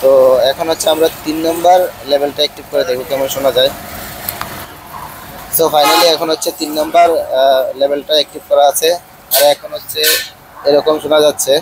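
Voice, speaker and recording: A man's voice: on the high side, a little fast, pauses often, low-quality recording. A man reviewing a gadget in a casual vlog, speaking through a clip-on mic whose noise cancellation leaves processing artifacts on his voice. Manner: steady explaining tone with many fillers. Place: parked car on a busy street, window open. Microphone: clip-on wireless lavalier. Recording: street traffic noise behind.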